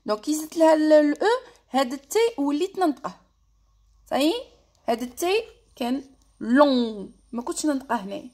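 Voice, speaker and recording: A high-pitched woman with an Algerian accent leads a classroom-style grammar lesson. Her voice rises and falls in lively swings as she teaches, and she dictates example words slowly, saying each one more than once. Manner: slow, deliberate dictation of example words, repeating them. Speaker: French teacher.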